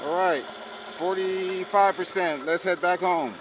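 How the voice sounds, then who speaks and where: A man's voice: sits high, steady tone, unhurried. A man hosting a casual riding vlog, rambling to himself and his viewers as he goes. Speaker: vlog host. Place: outdoors, riding an electric two-wheeler. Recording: loud wind noise, vehicle sounds. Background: loud wind and vehicle noise.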